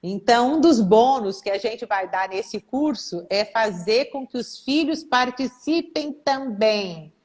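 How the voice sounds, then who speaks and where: A middle-aged Brazilian woman therapist talking casually on a live stream, telling lively stories and acting out the voices of the people she quotes. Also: on the high side, takes it slowly, few pauses. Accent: Brazilian Portuguese. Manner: animated storytelling, acts out quoted voices.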